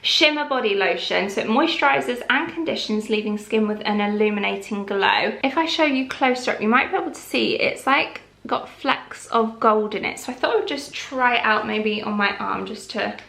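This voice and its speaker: A young woman vlogger chats through a haul in a casual, rambling way, her bright, clear voice sitting a little high. She stays calm and relaxed at a moderate pace, recorded in a room with a noticeable echo.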